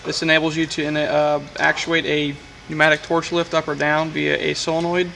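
This welding technician's voice is fairly high, gravelly, bright and forceful, delivered in a monotone at a moderate pace. He works through a control panel in a workshop, matter-of-fact and full of fillers, in a hands-on demo. The camera-mic audio is low quality with a little hiss or hum.

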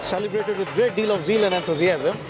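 A man working as a tour guide, describing a city in slow, flowery, poetic phrases. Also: high-pitched.

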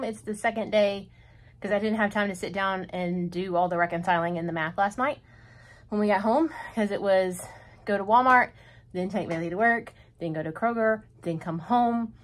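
A woman in a casual shopping haul vlog, chatting through her purchases and adding up prices and savings. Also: mid-range voice. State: out of breath. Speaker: vlogger.

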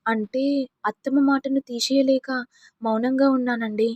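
A woman voicing a meek, patient young wife who speaks softly and pleadingly. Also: high voice, steady tone, normal speed, no room sound. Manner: soft, pleading.

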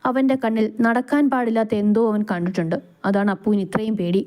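A brooding young company boss speaks with firm concern for a frightened child. The tone stays mellow and even, a woman reading his lines in her own voice. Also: medium pitch, fast, close to an everyday voice. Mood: earnest.

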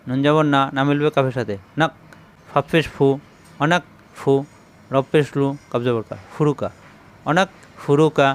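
A man teaching Quran reading, spelling Arabic letters out one syllable at a time with slow, patient drilling. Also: a little high, smooth.

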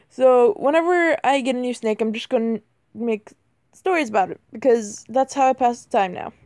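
A woman with a high, slightly mellow voice chats her way through a mobile game, casual and flustered, her voice cracking as she says "bro" and "like" constantly. She's self-deprecating and easily flustered, giving casual gameplay commentary. The recording is dry and studio quality.

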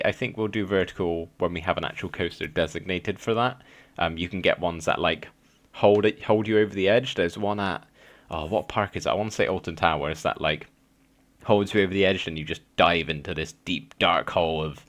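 Deep-voiced man thinking aloud while playing. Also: a bit bright. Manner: chatty, thinks aloud, frequent ums and laughs. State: slight lisp. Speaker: gaming channel host. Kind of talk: casual let's play commentary.

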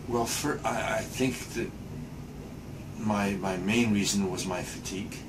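A man's voice: on the low side, fairly even intonation, a little slow, background noise. A man in his sixties, speaking hesitantly with many fillers and restarts while giving a patient testimonial in a small clinic room. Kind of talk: casual interview answers.

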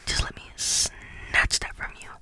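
A young woman in a breathy, soothing whispered role-play, very close to the microphone, repeating phrases with tingly ASMR mouth sounds. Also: a little slow, pushed and bright. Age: young adult. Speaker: ASMR creator. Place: small room indoors. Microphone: close desktop condenser microphone.

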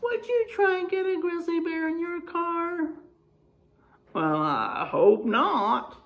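Reading slowly to children indoors, in what sounds like a small unfinished drywall room or garage, a middle-aged woman uses a lively teacher's delivery with wide pitch movement and unhurried phrasing. She addresses the kids directly with encouraging asides.

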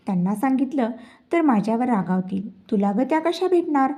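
A woman's voice: fairly high pitch, expressive, brisk, mellow, natural voice. A woman voicing an anxious, dutiful young palace maid in a storybook tale. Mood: fretful.

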